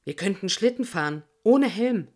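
A woman reading a relaxed, blunt man. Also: medium pitch, normal speed, lightly acted. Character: relaxed, dryly blunt male companion. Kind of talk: audiobook reading.

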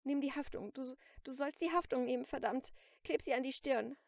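A woman's voice: medium pitch, steady tone, moderate pace, vocal fry, a little mellow, no echo, studio quality. A woman reading an audiobook, voicing a desperate armed teenage girl who speaks in tense, clipped commands. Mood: furious.

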